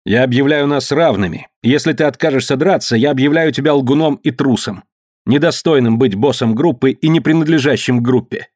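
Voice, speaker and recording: Guy doing a fierce young fighter yelling challenges, higher and louder than his reading voice, dry sound. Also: a little fast, dry recording, close to an everyday voice. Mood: defiant. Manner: shouting commands and challenges.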